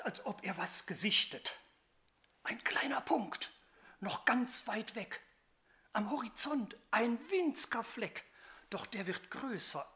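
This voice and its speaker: A storyteller recites a parable in rhymed verse at a slow, measured pace. The voice has a bright, forward quality. The reading keeps a steady, sing-song lilt. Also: medium pitch.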